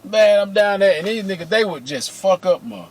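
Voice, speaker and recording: A middle-aged man with a fairly high voice spins a personal story straight to his camera. He talks in a loose, slangy way, curses freely and keeps calling out to his viewers. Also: moderate pace. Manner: animated, slangy and profane, addresses viewers as y'all. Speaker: vlogger telling personal stories. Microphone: camera mic, close.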